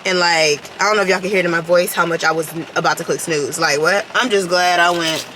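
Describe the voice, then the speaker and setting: A woman's voice: lowish voice, steady tone, fast. A woman in her late twenties talking casually to her viewers in a vlog, sleepy and chatty. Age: late 20s. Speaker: vlogger. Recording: noisy background with rain.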